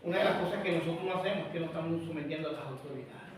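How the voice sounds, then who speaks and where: Very fast and a little high, a pastor's voice rings through a church as he delivers a forceful sermon, putting rhetorical question after rhetorical question to his congregation. It's captured from far off in the echoey hall, with faint noise.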